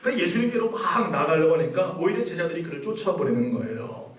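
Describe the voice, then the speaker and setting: A man's voice: on the high side, expressive, quick pace. A male pastor preaching a sermon, questioning the congregation and building to emphatic passages. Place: church sanctuary. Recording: echoey church hall, mic at a distance.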